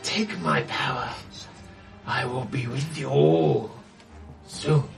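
A man voicing a deep-voiced, menacing queen from the void who gives slow, commanding orders. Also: creaky, far from the mic, soft background music.

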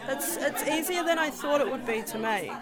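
Upbeat woman with a higher voice. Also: animated, moderate pace, over a noisy crowd. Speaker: workshop participant. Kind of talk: casual chat.

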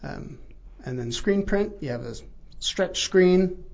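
A gravelly-voiced man talks through printmaking techniques as an interview guest. He explains patiently, filling gaps with ums and uhs. The recording sounds muffled and lo-fi. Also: high-pitched, expressive, slow pace, a little mellow. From born in New Zealand, raised in Texas. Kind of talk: casual interview.

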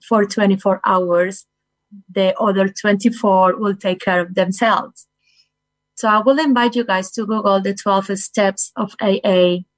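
This is a medium-pitched woman in her forties from Colombia, giving an earnest personal talk on well-being as a guest speaker. She addresses listeners directly in English with a Colombian Spanish accent and non-native phrasing. There's no echo, but the recording is low-quality.

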